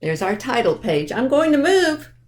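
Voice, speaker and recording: Reading a picture book aloud at a children's library storytime, a woman speaks in a fairly high voice with big pitch swings at a moderate pace. She addresses the kids directly and explains things plainly.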